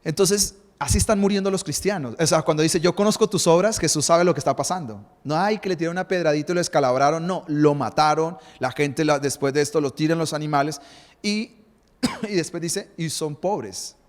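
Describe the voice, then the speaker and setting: A man's voice: fairly high pitch, a little fast, in a large hall. A male pastor, preaching a sermon and asking the congregation rhetorical questions.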